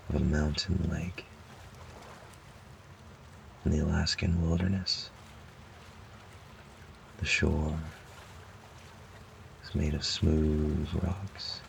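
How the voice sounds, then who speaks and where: A man narrating a guided relaxation meditation in a calm, soothing, measured way, with long pauses. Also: extremely low pitch, gravelly, a little hiss or hum.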